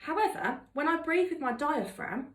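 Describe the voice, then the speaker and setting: A woman's voice: sits high, expressive, normal speed. Young woman, drama teacher, upbeat, encouraging, explains step by step. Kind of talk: online drama lesson.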